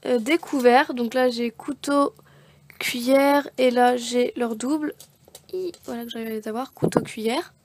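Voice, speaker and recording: Chatty high-voiced woman vlogging. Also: moderate pace, noisy background. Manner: chatty, rambling, self-correcting with many fillers. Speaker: beauty vlogger showing craft supplies. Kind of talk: casual unboxing chat.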